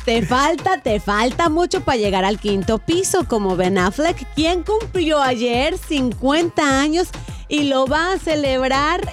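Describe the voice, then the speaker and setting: High-voiced woman gossiping on radio. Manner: playful, expressive, digressive. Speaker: entertainment gossip presenter. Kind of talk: chatty celebrity gossip segment on a radio show.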